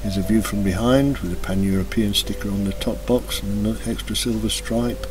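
A man narrating a slideshow of his motorbike restoration in a relaxed, hesitant way, with frequent ums and uhs. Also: on the low side, moderate pace, noisy background. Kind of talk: casual voice-over commentary. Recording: voice-over with music playing behind.

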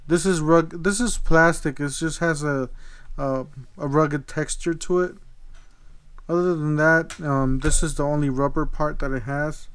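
A man's voice: on the high side, fairly even intonation, measured pace, clear, resonant tone, dry recording. A man casually reviewing a product at his desk, thinking aloud with fillers as he handles it. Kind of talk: casual unboxing commentary. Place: desk at home, later kitchen and outdoors at night.

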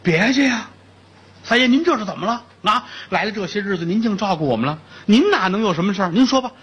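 A man's voice: high voice, animated, fast, fairly bright tone, breathy edge, dull audio, pitched above the performer's own voice, heavily acted. A man doing a brash, jokey prison inmate. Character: boastful streetwise male prison inmate.

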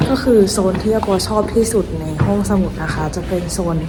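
A woman's voice: medium pitch, a little fast, music in the background. A young woman from Thailand chatting casually through her day as a vlogger, mixing English words into her talk, filmed on a handheld camera. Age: young adult. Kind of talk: casual vlog narration. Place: outdoors and indoors around a city, college campus. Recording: loud traffic and street noise.

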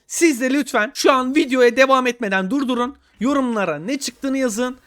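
A young man commenting on his own gameplay, pleading with the game and swinging between low muttering and loud shouts. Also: moderate pace, clean tone, no room sound. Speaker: gaming YouTuber.

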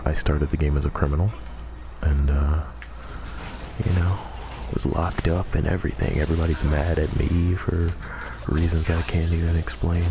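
A man commentating on a video game in a hushed golf-commentator style, deadpan, joking and profane, with a gravelly voice. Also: normal speed, background noise. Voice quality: very deep, gravelly. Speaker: gamer commentating over play. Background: game music.

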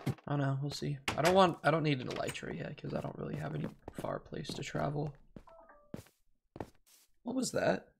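A man's voice: fairly high pitch, moderate pace, gravelly, long pauses. A man chatting playfully with friends over voice chat while gaming, often slipping into mock narration and teasing. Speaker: gamer on voice chat. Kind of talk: casual chat. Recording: noisy voice-chat mic.

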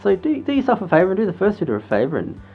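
A man's voice: sits high, huge pitch swings, racing. A man talks from inside a fursuit head, his voice dulled and lo-fi with faint music underneath. He lectures in an earnest, chatty way, full of restarts and asides. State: talking through a fursuit head. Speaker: fursuit vlogger. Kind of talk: casual advice vlog. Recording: dull lo-fi sound with faint music.

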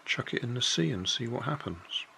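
A man's voice: mid-range voice, expressive, normal speed, gravelly, pushed and bright, a little hiss or hum. An older man casually walking through a hobby build at a kitchen table, explaining each step plainly and unhurriedly, correcting himself as he goes.

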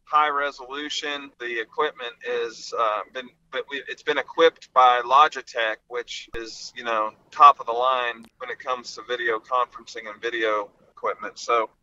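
Bright-voiced man on a muffled call-in line. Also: mid-range voice, fairly even intonation, moderate pace, few pauses. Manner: folksy, rambling storyteller. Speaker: podcast host and law firm managing partner. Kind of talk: casual podcast chat. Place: calling in from the road.

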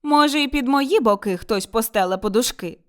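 A woman's voice: on the high side, animated, moderate pace, close to an everyday voice. Woman voicing a defiant young daughter-in-law. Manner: curt, defiant, retorting. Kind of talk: audiobook character voice.

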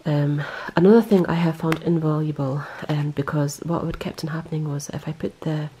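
A woman with a low, warm voice talks at a moderate pace in a steady tone, with a faint hiss or hum in the audio. She's a knitting vlogger doing casual show-and-tell indoors, the camera close on her hands and yarn, and she rambles, corrects herself, and says um a lot.

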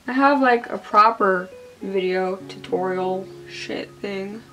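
It's a rough recording with music in the background, made in a small indoor room. A beauty vlogger in her twenties, hungover, speaks slowly in a mid-range voice, rambling casually and self-deprecatingly as she works through her makeup.

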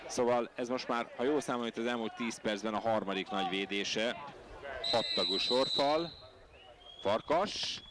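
A man giving live football match commentary in an excitable manner. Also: medium pitch. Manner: excitable, voice leaps on big moments. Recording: noisy outdoor match broadcast.

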